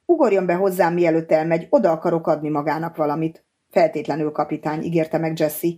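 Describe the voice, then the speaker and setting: A woman reading a novel aloud as an audiobook narrator, in an even, measured manner, giving the characters' lines in her own voice. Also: low voice.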